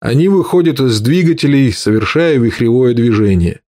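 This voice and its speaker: A man reading an audiobook and voicing an angry middle-aged inventor with a slightly husky note, explaining at length. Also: medium pitch, expressive, normal speed, dark tone, no room sound, clean studio sound, lightly acted.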